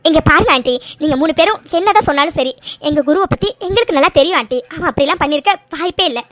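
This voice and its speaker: A blunt young woman in a cartoon, loyal and brusque, firing off lines in a very high, fast voice, as a woman plays her. The recording is dry and close. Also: animated, fairly bright tone, dry recording. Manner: brusque, quick.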